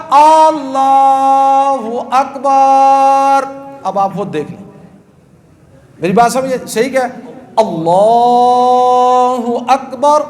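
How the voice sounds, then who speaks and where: A man from Pakistan with a very high voice, preaching a lesson on prayer to his congregation. He keeps checking whether his listeners follow. He stretches some words out into slow, chanted demonstrations. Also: a bit bright. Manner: asks listeners questions and answers them. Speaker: mosque preacher.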